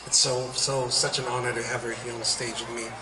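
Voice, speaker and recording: A middle-aged New Zealand man, a slack key guitarist playing a festival, talks a little fast between songs with a medium pitch and little pitch movement. He rambles warmly into a stage mic at an arts center, laughing often. Captured from a distance, the roomy recording carries loud crowd and hall noise.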